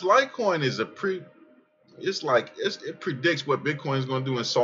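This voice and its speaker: A man casually talking through his trading charts in a brash, profane, excitable way, often trailing off mid-sentence and restarting. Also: mid-range voice, muffled recording. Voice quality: calls his own voice aggressive. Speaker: crypto trading vlogger. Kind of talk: casual rambling chart commentary.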